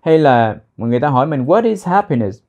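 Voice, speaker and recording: A male teacher talks through a lesson at an even pitch. He slows down to repeat short phrases several times and breaks words into their sounds. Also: highs cut off. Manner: repeats phrases slowly, drills pronunciation. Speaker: English teacher. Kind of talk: explaining English phrases in a lesson.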